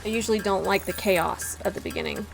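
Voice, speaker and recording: A woman streamer giving casual gameplay commentary, excitable, thinking aloud and laughing often. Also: medium pitch, quick pace, vocal fry, low-quality recording. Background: game music.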